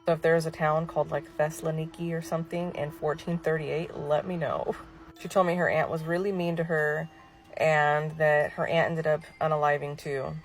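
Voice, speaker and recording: A woman's voice: low voice, little pitch movement, moderate pace, distant mic, faint music behind. A woman telling a candid, incredulous story to camera about her own child.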